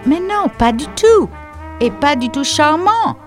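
A woman voicing a flustered English lady who speaks halting, broken French in an audiobook reading. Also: high-pitched, sing-song, soft background music, pitched above the performer's own voice.

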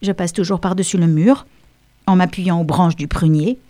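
A woman's voice: lowish voice, steady tone, normal speed, warm tone, dry recording, natural voice. A woman voicing a precocious, self-assured English schoolgirl who speaks in a prim, articulate way, in an audiobook reading.

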